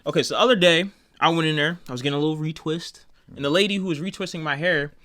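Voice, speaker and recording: Bright, higher-pitched American man, emphatic. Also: quick pace. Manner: emphatic and conversational, repeats words for emphasis. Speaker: co-host of a commentary show. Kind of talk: casual opinionated commentary chat.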